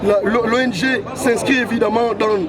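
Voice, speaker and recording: A man in his thirties from Gabon, president of an association, answering interview questions in a measured way with stock phrases. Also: very high voice, steady tone. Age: 30s. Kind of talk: outdoor event interview. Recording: loud crowd around. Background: loud crowd.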